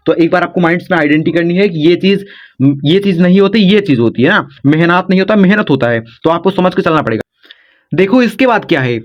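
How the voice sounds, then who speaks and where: Friendly male teacher, high-pitched, repeats and coaxes, casual lesson on a muffled recording. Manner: repetitive, coaxing, says "dekho" and "yaar" often.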